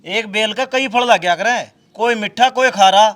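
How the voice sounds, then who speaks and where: A man's voice: high-pitched, normal speed, a bit bright. A man playing a proud old Haryanvi village father. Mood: lecturing. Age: older. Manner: lecturing, wounded pride. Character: older village father-in-law, proud and pious.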